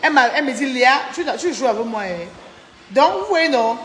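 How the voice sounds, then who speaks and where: A woman's voice: high-pitched, lively intonation, brisk, fairly bright tone, roomy sound, long reverb tail, a little hiss or hum. A tired woman chatting on a live stream, thanking viewers by name and venting about a falling-out. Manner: chatty, reads out viewer names, indignant. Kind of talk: casual live-stream chat.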